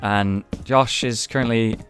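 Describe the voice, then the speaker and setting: A man's voice: on the low side, steady tone, unhurried, fairly bright tone, faint music behind. A man hosting a casual gaming chat, rambling and cutting himself off as he talks. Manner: rambling, self-interrupting. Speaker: host.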